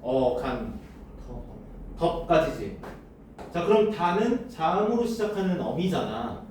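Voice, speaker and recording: A man lectures a classroom, quizzing his students and answering his own questions in a lively, mellow voice that rises and falls. He sounds some distance from the mic, and the room around him echoes heavily. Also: fairly high pitch, measured pace, slight background noise. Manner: asks students questions and answers them himself. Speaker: teacher.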